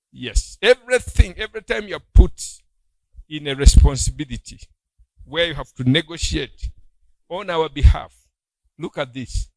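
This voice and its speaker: A gravelly-voiced man preaches as a bishop, pitched a little high. He teaches in a call-and-response way, stopping on "what?" so the listeners finish his sentences. The sound is dry and close. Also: no room sound, rough recording. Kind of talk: sermon teaching.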